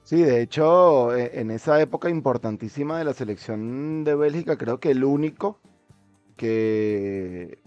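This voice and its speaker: A man's voice: mid-range voice, animated, a little slow, darkish tone, dry recording, lo-fi sound, faint music behind. A man in a casual football discussion, speaking as a commentator in a hesitant way, often repeating words mid-sentence.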